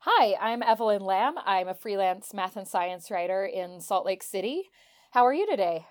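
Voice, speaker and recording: A woman's voice: mid-range voice, lively intonation, normal speed, clean tone. A woman co-hosting a math podcast, chatting casually with short interjections and frequent laughs. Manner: laughs often, brief interjections. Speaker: podcast co-host.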